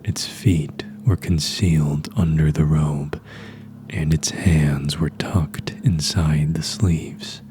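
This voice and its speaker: A man narrating a horror story in a hushed, breathy, half-whispered delivery. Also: a bass voice, fairly even intonation, slow, noisy background.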